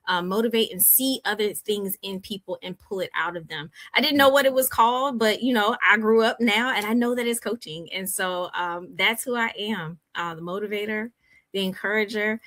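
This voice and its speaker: A woman's voice: mid-range voice, fairly bright tone, no room sound. A woman from Mississippi who grew up in the DC area, speaking as an upbeat, friendly guest coach in an interview. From Mississippi, raised in the DC area. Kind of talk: interview conversation.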